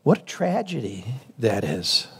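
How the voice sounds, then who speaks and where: A man's voice: fairly low pitch, very animated, a little slow, gravelly, fairly bright tone, a little hiss or hum. A man preaching a sermon as a pastor, in a conversational, earnest way.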